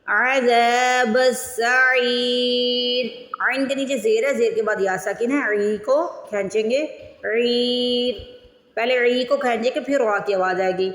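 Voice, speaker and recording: A woman teaching Quran recitation, chanting words slowly and drawn out between quick explanations. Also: on the high side, fairly bright tone. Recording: echoey room with long reverb.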